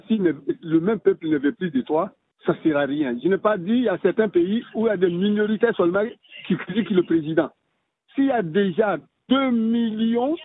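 A man leaves an answering machine message for a radio call-in show, his voice high for a man and husky. He talks in a halting, hesitant way, often restarting his sentences. The sound is thin and tinny, as over a phone line. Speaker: listener caller.

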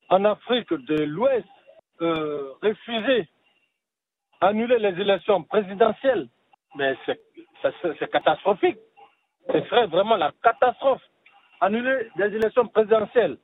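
A man with a high-pitched voice leaves an answering machine message on a tinny phone line, with a faint hiss underneath. He is emphatic and repeats himself for stress. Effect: answering machine message over a phone line. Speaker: caller leaving a voicemail. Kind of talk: recorded voicemail.

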